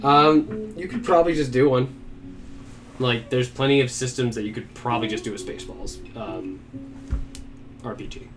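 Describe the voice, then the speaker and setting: A game master thinks aloud while prepping for a solo stream, rambling casually to himself with lots of fillers as he plans his game. His mid-range voice moves at a moderate pace with frequent pauses, and guitar music plays in the background.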